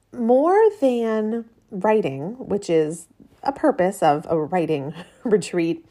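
A woman's voice: mid-range voice, warm tone. A woman in her late thirties hosting a solo podcast in a casual, chatty, informal way. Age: late 30s. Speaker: podcast host. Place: cabin with a metal roof in rain.

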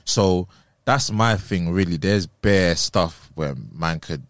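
A man's voice: low-pitched, takes it slowly, no echo, clean studio sound. A man with a London roadman accent chats casually as an interview guest, using heavy street slang and often checking that he is understood. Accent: London, urban street style.

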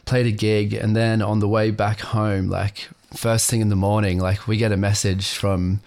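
A man's voice: lowish voice, level tone, normal speed, a little mellow. An Australian man telling a casual story as a guest musician, laid-back with lots of "like" fillers.

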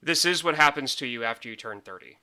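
A man's voice: medium pitch, animated, fast talker, pushed and bright. A man in his thirties co-hosting a casual podcast chat, rambling with restarts and laughing often. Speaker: podcast co-host.

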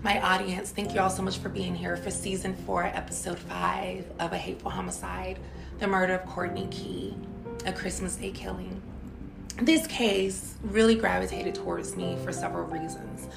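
A woman narrates true crime as a podcast host, her mid-pitched voice noticeably creaky. She reads in a solemn, deliberate way in an echoey space, with music clearly playing underneath. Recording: echoey room, music bed.

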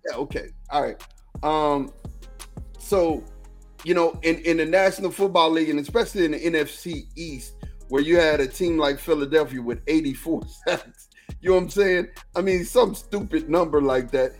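A man's voice: fairly high pitch, moderate pace, soft background music. A Texan man co-hosting a casual sports podcast, rambling and repeating himself as he talks football. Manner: rambling, repeats himself, lots of "you know what I'm saying". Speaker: podcast co-host.

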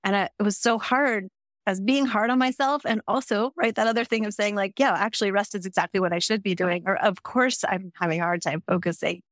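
A woman's voice: medium pitch, a little fast, dry recording, studio quality. A woman hosting a podcast in a thoughtful, empathetic way, asking open questions. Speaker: podcast host. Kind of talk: conversational interview.

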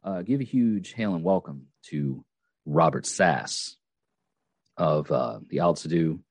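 A man's voice: extremely low pitch, expressive, takes it slowly, darkish tone, husky, no echo. A man hosting a casual podcast, rambling with many fillers and restarts. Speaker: podcast host.

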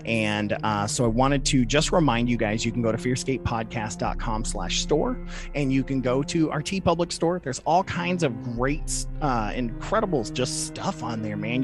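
Man, podcast host, jokey slangy chat, mid pitch, music behind. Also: moderate pace. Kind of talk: casual, bantering podcast chat.

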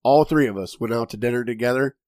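A man hosting a casual podcast with a hoarse, cracking voice, rambling and joking at his own expense. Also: medium pitch, fast talker, darkish tone, dry recording, studio quality. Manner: rambling, jokey, self-deprecating. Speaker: podcast host.

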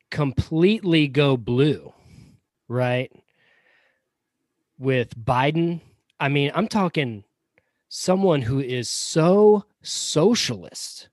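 A podcast co-host with a Southern accent, born in Florida and raised in Georgia, offers casual, opinionated commentary in a high-leaning, darkish voice. He often restarts and goes off on asides, and the studio-quality sound has no room echo.

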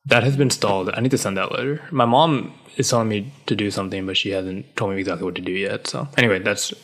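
A man's voice: lowish voice, quick pace, fairly bright tone. A young man from Singapore chatting casually on a podcast, laid-back and hesitant with ums. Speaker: podcast co-host. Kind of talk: casual chat.

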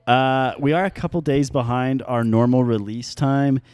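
An American man with a medium-pitched voice co-hosts a sports podcast. He speaks in casual, conversational chat, recorded dry and close with little room sound. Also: normal speed, darkish tone, clean tone, dry recording. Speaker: podcast co-host.

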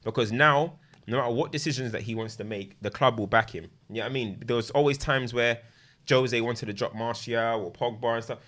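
A man's voice: mid-range voice, a little fast, fairly bright tone. A man with a London accent in casual sports chat, talking in roadman slang and repeating phrases for emphasis. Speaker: regular sports pundit.

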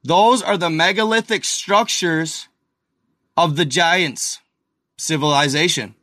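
A man hosting a casual video, talking excitedly over images on screen, speculating and firing questions at his viewers. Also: fairly high pitch, slow pace, no room sound, clean studio sound. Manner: addresses viewers as guys and y'all, lots of fillers. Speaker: video host.

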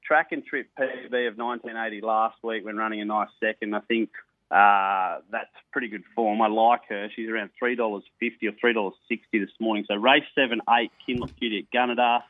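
A man's voice: on the low side, steady tone, brisk, dry recording, phone-quality sound. An Australian man presenting greyhound racing on radio in a casual, matey, blokey and colloquial way. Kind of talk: casual sports radio interview and racing tips.

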